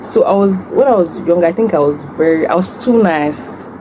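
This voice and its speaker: Young nigerian woman, low voice, chatting and eating mukbang style, noisy room hum behind her. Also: moderate pace. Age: young adult. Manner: talks while eating. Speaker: food vlogger and host. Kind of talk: casual mukbang chat, storytelling and answering questions.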